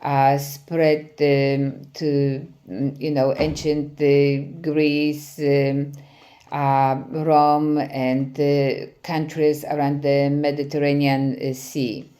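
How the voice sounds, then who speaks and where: Presenting at a conference, a physical therapy professor from Poland, a middle-aged woman with a Polish accent, speaks in a low, mellow voice with a level tone. Her delivery is full of hesitations and repeated "uh" fillers.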